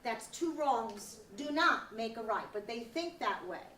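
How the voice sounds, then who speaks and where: A woman's voice: a little high, expressive, measured pace, sharp tone. A woman teacher giving an earnest, upbeat school lecture to children, asking questions and repeating their answers. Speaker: teacher leading a school lesson. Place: echoey school room. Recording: roomy, distant mic, faint background noise.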